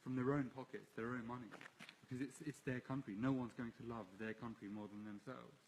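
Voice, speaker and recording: A man's voice: mid-range voice, fairly even intonation, brisk, a little hiss or hum, low-quality recording. Earnest British-Syrian man guiding outdoors. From British Syrian, born in London. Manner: earnest, repeats words as he explains. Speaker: local guide. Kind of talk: casual walking chat on a livestream. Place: outdoors among ruined buildings.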